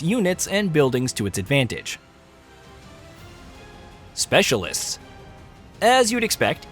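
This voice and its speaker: Lively countdown narrator, higher-voiced man. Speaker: video narrator. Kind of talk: scripted top ten countdown narration of a video game.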